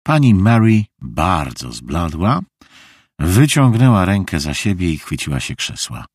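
A man narrating an audiobook story in an expressive, slow storytelling voice. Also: low-pitched, slightly rough, no room sound, studio quality. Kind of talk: scripted narration.

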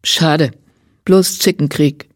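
A woman doing a pushy male reporter who talks in quick, offhand bursts. The voice stays fairly low and husky, dry and close, in a children's audiobook, as a narrator puts him on. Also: fairly even intonation, no room sound. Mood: brisk.

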